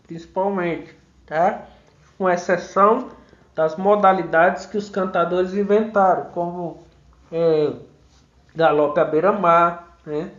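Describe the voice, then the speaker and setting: A man giving an online mini-course lecture, explaining step by step, counting syllables aloud and often checking in with tag questions. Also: high voice. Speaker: course instructor. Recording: roomy, dull lo-fi sound.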